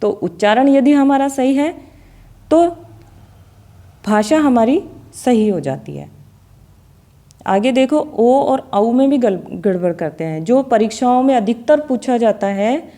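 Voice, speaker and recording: A woman teaching a Hindi grammar lesson on vowel pronunciation, speaking deliberately and repeating example words to show each sound. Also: fairly high pitch, lively intonation, mellow.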